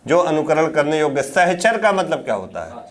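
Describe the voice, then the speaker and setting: A man with a fairly high voice lectures a classroom of students. He throws out questions, supplies the answers himself and says each key word again so it sticks. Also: sing-song, normal speed. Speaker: Hindi exam teacher.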